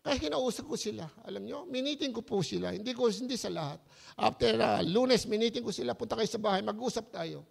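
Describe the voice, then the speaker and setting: A male Filipino pastor preaching a sermon. He calls "Hello?" to the congregation and swings between soft asides and loud emphasis. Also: high voice, lively intonation, brisk, vocal fry, long reverb tail.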